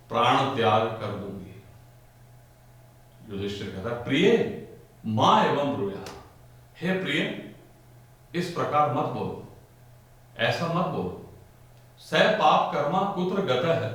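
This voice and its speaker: A man teaching a Sanskrit play: he reads each line and then explains it slowly, repeating it in simple words. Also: medium pitch, a bit bright. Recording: roomy, echoey sound from a distant mic.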